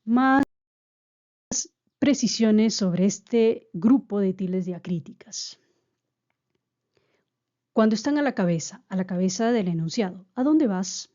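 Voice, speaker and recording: A woman giving a grammar lesson, explaining slowly and patiently and often repeating her key points. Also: medium pitch, dark tone, lo-fi sound. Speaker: teacher.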